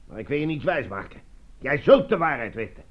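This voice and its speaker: A man voicing a stern prisoner leader, commanding, husky, dull lo-fi radio drama. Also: medium pitch, very animated, a little fast. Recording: dull lo-fi radio play recording.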